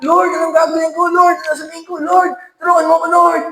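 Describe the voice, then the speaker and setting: A man's voice: very high-pitched, level tone, quick pace, a little hiss or hum, voice pushed up. A man voicing a nervous male congressman anxiously praying for help in an echoey room. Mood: anxious pleading. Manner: anxious, pleading, then shouting.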